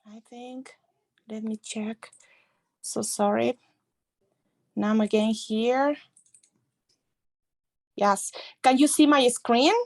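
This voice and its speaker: A woman's voice: on the high side, steady tone, slow, creaky, long pauses, a little mellow. A woman from Ecuador speaking on a video call as a conference presenter, hesitant and polite, with many fillers.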